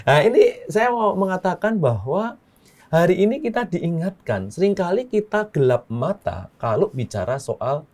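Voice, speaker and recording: Pastor santai bercanda sambil tertawa kecil. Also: male voice, high voice, moderate pace. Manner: relaxed, chuckling, keeps adding "gitu kan ya". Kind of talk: casual chat, telling a joke then reflecting.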